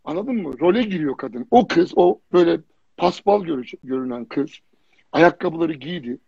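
High, husky man telling stories bluntly. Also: normal speed, no room sound. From Germany. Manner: animated storytelling with repetitions and blunt slang. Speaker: fitness jury member, guest. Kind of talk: casual livestream chat. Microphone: phone or computer on a live video stream. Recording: dull lo-fi livestream audio.

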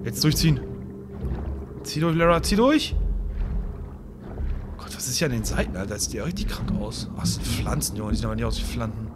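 A man's voice: fairly low pitch, racing, hardly any pauses, over loud music. A man giving casual, slangy let's play commentary, grumbling at the game and sometimes whispering along. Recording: game audio with noise behind. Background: game sounds.

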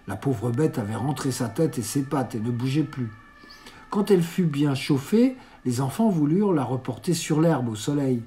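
A man reading a classic children's novel aloud in a steady, even storytelling manner. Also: medium pitch, normal speed. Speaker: reader.

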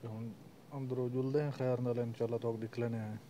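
A man's voice: mid-range voice, little pitch movement, muffled recording, noisy background. A man giving casual, friendly shopping vlog narration, filmed on a handheld phone while walking through a large shop. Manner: friendly greetings, chatty and unhurried. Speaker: vlogger. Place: large shop indoors, filmed outside first.

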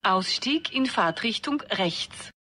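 A woman reading onboard train announcements in a formal, even delivery. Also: mid-range voice, takes it slowly, slight background noise.

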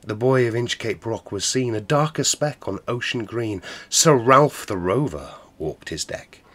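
A male storyteller performs a narrative ballad with theatrical flair, his voice building from a hush to a boom.

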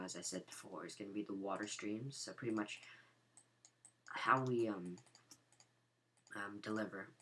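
A man with a raspy just-woke-up voice, thinking aloud as he walks through his game build. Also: fairly low pitch, rough recording. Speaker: gaming channel host. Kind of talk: gameplay walkthrough commentary. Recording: home mic with steady noise and clicks.

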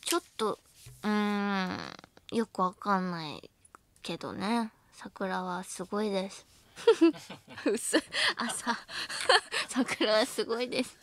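A woman's voice: medium pitch, animated, slow pace, pauses often, a little hiss or hum. A young woman hosting a late-night radio show, chatting casually and playfully, giggling often and teasing herself. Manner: acts out both sides of a mock argument. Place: radio studio. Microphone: studio microphone.

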